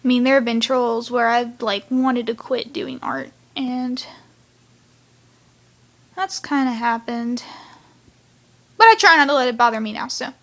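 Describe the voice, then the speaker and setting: A woman's voice: fairly high pitch, a little slow, gravelly, long pauses, fairly bright tone. A woman rambling through a casual review of a cartoon episode, chatty, with sighs and side remarks. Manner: chatty, rambling, sighing asides.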